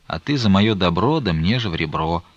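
A man reading the part of a stern, grieving old merchant, talking in a slow, weighty, reproachful way. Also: low voice, lively intonation, dry recording, highs cut off.

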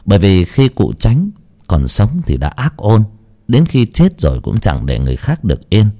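A man's voice: lowish voice, wildly swooping pitch, moderate pace, dark tone. A man narrating a horror tale in a dramatic storytelling manner.

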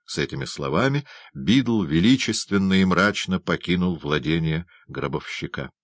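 A man with a very deep voice reads a classic novel aloud in a measured, expressive way. The recording is dry and close, with no room sound. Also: dry recording. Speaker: narrator. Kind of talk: audiobook reading of a classic novel.

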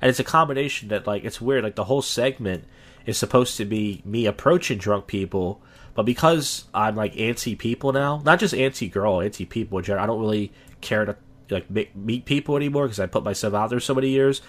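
A man's voice: fairly low pitch, brisk. A man hosting a casual podcast chat, rambling with many fillers and restarts. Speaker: podcast host.

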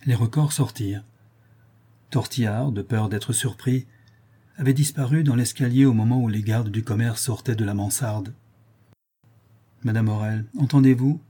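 A male audiobook narrator reading a classic novel, measured and expressive. His tone is mellow and dark, with a husky edge. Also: medium pitch. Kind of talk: scripted literary narration.

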